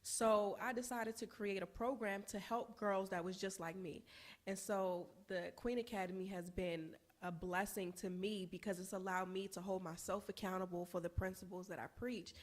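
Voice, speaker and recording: A woman's voice: medium pitch, steady tone, normal speed. A woman in her twenties co-hosting a podcast, speaking in an upbeat, casual way and laughing at herself. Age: 20s. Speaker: co-host and business owner.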